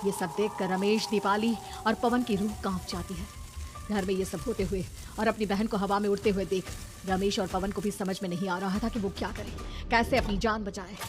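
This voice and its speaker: A woman tells a horror cartoon story with dramatic narration at a mid pitch. Clear music plays behind her throughout. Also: fairly even intonation, brisk.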